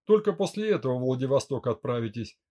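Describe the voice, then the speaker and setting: A man's voice: mid-range voice, expressive, fast talker, warm tone, lightly acted. A man reading a domineering older brother in an audiobook, growling out commands. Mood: gruff commanding. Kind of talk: audiobook character voice.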